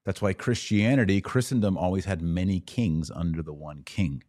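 Reading viewer comments on a live show, a deep-voiced American man with a dark tone responds by emphatically repeating himself, conversational and opinionated like a podcast host. He keeps a moderate pace. The sound is dry and close, carrying very little room.

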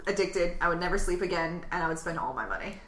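A woman co-hosting a podcast in casual chat, thoughtful and pausing with frequent ums. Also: on the low side, expressive, a bit bright. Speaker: podcast co-host. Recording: roomy echo.

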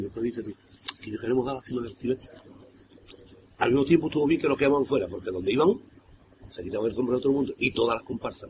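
An older man rattles along quickly in an interview, loose and colloquial, circling back on himself. His pitch sits in an ordinary middle range. Clear background noise and ambient sound sit under his voice. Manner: rambling, colloquial, keeps saying "tío". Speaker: carnival troupe singer.

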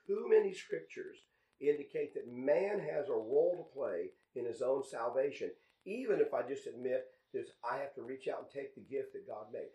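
A man hosts a radio talk show on scripture with a mellow, dark voice that sounds a little roomy. He argues emphatically and repeats key phrases to drive his point home. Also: medium pitch, animated, moderate pace.

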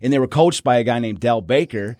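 A man's voice: medium pitch, brisk, dark tone, dry recording, clean studio sound. A man co-hosting a casual sports history podcast, rambling with many restarts. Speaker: podcast co-host.

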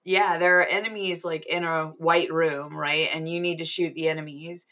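A woman's voice: low-pitched, steady tone, normal speed, bright, forceful tone, highs cut off. A woman hosting a casual gaming podcast, chatty and upbeat with frequent ums. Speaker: podcast host.

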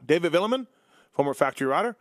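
A man hosting a sports call-in radio show, his voice sitting a little high for a man. He keeps the banter loose, sarcastic and joking. The sound is dry and close to the mic. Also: expressive, no echo. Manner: jokey, sarcastic, fast-moving banter. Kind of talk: casual sports radio talk.

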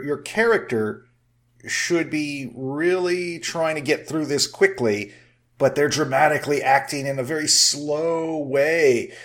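A man hosting a podcast, casually reviewing a movie in a measured, talkative way with frequent "uh" fillers. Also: fairly high pitch. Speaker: film review podcast host.

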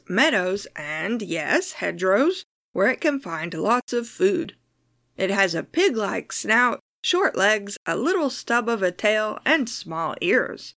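A woman's voice: mid-range voice, creaky, a bit bright, no room sound. A woman hosting a podcast, reading scripted nature documentary style narration with casual, playful asides and dry humour. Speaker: podcast host.

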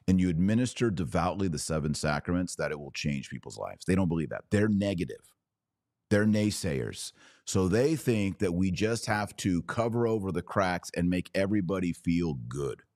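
This podcast host, an American man with a deep, slightly mellow voice, answers viewer questions with off-the-cuff religious commentary. He sounds impassioned, preachy and emphatic, using punchy phrases, and the studio recording is clean with no echo.

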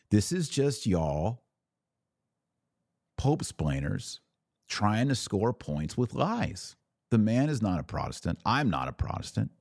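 Emphatic and argumentative, a low-voiced man hosts a podcast of opinionated religious commentary, drawing out the words he wants to stress. His tone is a little mellow, and the recording is dry, with no room sound around him.

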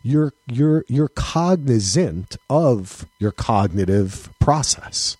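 A man co-hosting a casual podcast chat, talking in an animated way, swearing, laughing and restarting his sentences. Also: mid-range voice, slow pace, breathy edge, dry recording. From United States. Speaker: podcast co-host.

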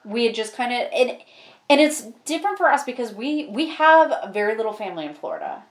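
A woman's voice: fairly high pitch, sing-song, a little fast. A woman co-hosting a casual chat, reflective and agreeable. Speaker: podcast co-host. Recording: roomy echo.

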